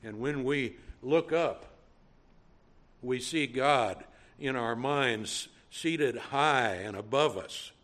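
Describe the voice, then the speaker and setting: A man with a Cajun accent preaching a sermon, teaching in a measured way and driving points home through repetition. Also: medium pitch, fairly bright tone. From Louisiana.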